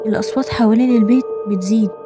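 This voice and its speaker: A woman with an Egyptian Arabic accent narrating a scripted horror story in a brisk, dramatic way. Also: on the high side. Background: background music.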